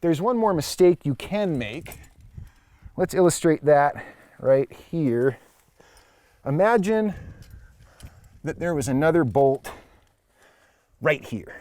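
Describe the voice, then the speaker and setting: Mellow-voiced man giving climbing instruction. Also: fairly high pitch, animated, slow, pauses often, no room sound. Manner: plain-spoken, instructive. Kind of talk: hands-on demonstration lesson, explanatory. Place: at a climbing wall or crag, speaking while climbing.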